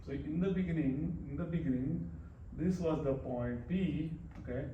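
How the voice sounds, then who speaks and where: Speaking at normal speed in a slightly high voice with the highs cut off, a man works through a math problem informally, step by step as he writes, often repeating phrases. The recording has roomy echo, a distant mic, and faint noise.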